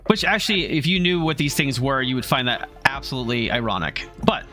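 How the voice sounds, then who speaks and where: A man at a middle pitch runs a homebrew tabletop game, describing scenes and rules. He talks in a halting way, full of fillers and restarts. Soft music plays faintly behind him. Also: animated. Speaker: game master.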